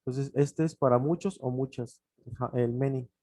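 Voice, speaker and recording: A native Spanish-speaking man gives an online English grammar lesson in a mellow, relaxed voice. He explains each rule step by step, repeats the example words, and fills pauses with small hesitations. The sound is dry and close. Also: medium pitch, dry recording. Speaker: English teacher.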